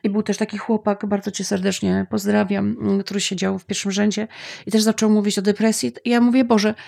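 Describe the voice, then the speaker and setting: A woman's voice: mid-range voice, flat delivery, fairly quick, creaky, darkish tone, slightly rough. A middle-aged woman co-hosting a podcast in casual chat, emotional and tearful, rambling with many restarts. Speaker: podcast co-host.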